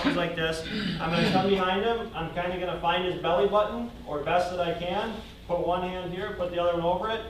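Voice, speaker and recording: A man instructing a first-aid class as a firefighter, explaining informally as he demonstrates hands-on. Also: high-pitched. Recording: echoey room, distant mic, faint noise.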